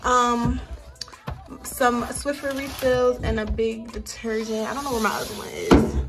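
Over loud music, a young woman with a fairly high, unhurried voice gives a casual tour of her dorm room. She's a college freshman, chatty as she lists her things in the small indoor space and calls her viewers "y'all."

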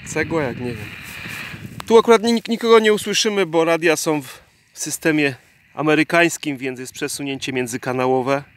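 A man's voice: fairly high pitch, a little fast, a bit bright. A man with a Polish accent casually showing off his gear as a hobbyist presenter, recorded outdoors in an open field. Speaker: vintage radio enthusiast presenting his gear. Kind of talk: casual product showcase. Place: outdoors in a dry grassy field. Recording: clear noise from outdoors.

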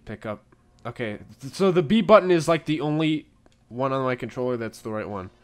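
A young man casually chatting while playing a video game, excitable and swearing, with sudden loud yells. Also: mid-range voice, fairly quick. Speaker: let's play co-host. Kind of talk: casual gaming chat.

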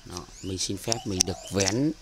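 Low-voiced Northern Vietnamese man, chatty. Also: moderate pace, noisy background. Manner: chatty, many fillers and repeated words. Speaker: bird breeder showing his aviary. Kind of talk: casual walkthrough narration. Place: outdoor bird aviary. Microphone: handheld camera mic.

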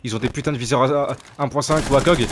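A young man streaming gameplay, talking casually and excitably to his viewers, swearing and exclaiming often. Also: mid-range voice, fast, noisy background. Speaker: gaming streamer.

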